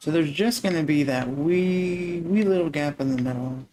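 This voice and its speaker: A man hosting a relaxed gaming livestream, soft-spoken and unhurried, chatting to viewers as he builds and chuckling often. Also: fairly high pitch, slight background noise, poor audio. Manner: talks through building steps to viewers. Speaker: livestream host.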